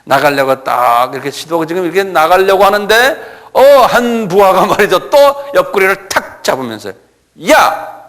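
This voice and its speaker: Animated male pastor in an echoing hall. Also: sits high, normal speed, few pauses. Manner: animated storytelling with rhetorical asides. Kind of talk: expository sermon.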